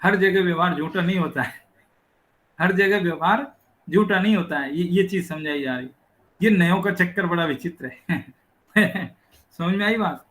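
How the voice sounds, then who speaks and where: Man, scripture lecture, explanatory, rhetorical questions, high pitch, echoey room. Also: fairly bright tone. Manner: explanatory, asks rhetorical questions, recites verse slowly. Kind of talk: religious discourse lecture.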